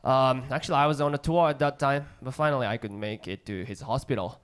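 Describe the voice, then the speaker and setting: A man from Japan with a strong Japanese accent performs stand-up comedy in simple, halting English, acting out short dialogues. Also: mid-range voice, smooth. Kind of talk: stand-up comedy routine before a live audience.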